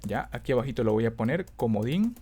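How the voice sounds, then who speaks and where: Casting: male instructor, mid pitch, patient step-by-step lesson, frequent check-ins, thinks aloud and self-corrects. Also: lively intonation, fast, warm tone, breathy edge. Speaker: teacher. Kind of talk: screen-recorded coding lesson.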